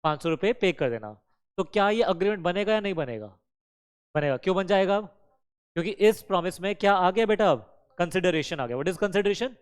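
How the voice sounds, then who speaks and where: A man's voice: high-pitched, expressive, fairly quick, smooth. A male law teacher giving a classroom lecture, quizzing his students with questions, answering them himself, and switching between Hindi and English terms. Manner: addresses students fondly as kids.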